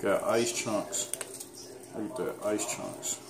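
A fitness vlogger cooks with his daughter in his home kitchen, giving a casual demo in a relaxed, teasing manner and speaking straight to viewers. His voice is on the low side and slow. A camera mic on the counter picks up a lot of echo and loud background noise.

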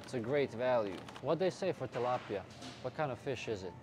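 A man's voice: mid-range voice, lively intonation, fairly quick. A man from Bosnia filming a casual fitness vlog while shopping in a supermarket, joking and talking to the camera. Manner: playful, jokey, talks to camera. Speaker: fitness vlogger. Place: supermarket aisles. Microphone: handheld camera, filmed by cameraman. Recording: noisy store with background ambience. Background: shop ambience.

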